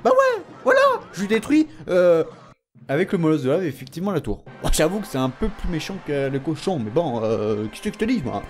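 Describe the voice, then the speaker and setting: A young man giving casual gameplay commentary, excitable and playfully trash-talking, laughing often. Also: fairly high pitch, brisk. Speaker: gaming channel host.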